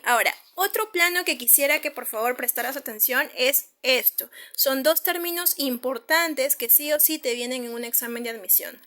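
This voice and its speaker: A woman's voice: high voice, pushed and bright. A Peruvian woman teaching a secondary school language class online, explaining slides patiently and checking in with her students with frequent tag questions. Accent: Peruvian Spanish. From Peru.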